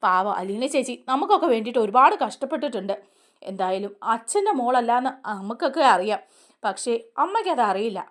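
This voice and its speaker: A woman reads out a young daughter, loyal and sharp-tongued. She speaks fast and high, pressing each pointed question home. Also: very animated. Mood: reproachful. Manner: reproachful, pointed.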